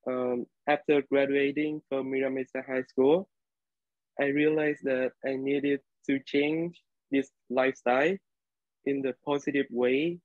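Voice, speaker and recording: A young Vietnamese man, a college student with a Vietnamese accent, tells a story about a class over a video call from his living room. His medium-pitched voice is steady and unhurried, though hesitant and full of fillers, and the laptop webcam audio is dry and tinny with no room sound.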